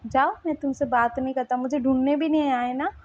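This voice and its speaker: A pouting young man whines that nobody came looking for him, his voice high and close to tears, as a woman storyteller puts him on. The audio is dull and lo-fi. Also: steady tone, fairly quick. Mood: sulky. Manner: whiny, complaining.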